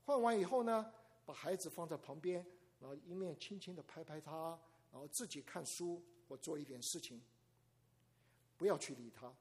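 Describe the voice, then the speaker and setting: A man's voice: on the high side, moderate pace. An older man preaching a sermon to a congregation, telling stories with animation, asking the listeners questions and acting out little scenes. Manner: animated storytelling, asks the audience questions and acts out scenes.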